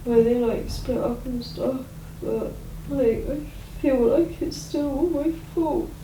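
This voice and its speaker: A woman playing a gloomy, withdrawn depressed teenage girl in a role-play, halting and reluctant in her answers. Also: high voice, mellow. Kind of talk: acted clinical role-play. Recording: roomy, distant mic, noisy background.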